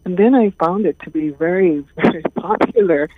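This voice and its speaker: A woman, speaking as an interview guest in a calm, thoughtful way with many pauses. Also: fairly low pitch. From Hawaii. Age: 70s. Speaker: guest, caregiving trainer. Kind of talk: casual interview talk. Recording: tinny phone line.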